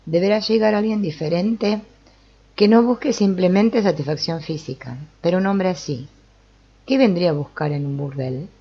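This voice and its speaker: A woman narrating a story aloud in a measured, quiet reading voice. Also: fairly low pitch, slightly rough, lo-fi sound. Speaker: channel host reading aloud.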